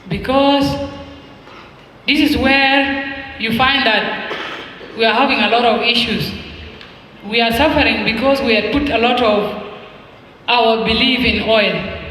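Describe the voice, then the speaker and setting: A man from South Sudan with a South Sudanese English accent, giving a formal public speech at an expo launch, deliberate and emphatic with rhetorical questions and repetition. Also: extremely high pitch, bright, forceful tone, a little hiss or hum. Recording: echoey hall with long reverb.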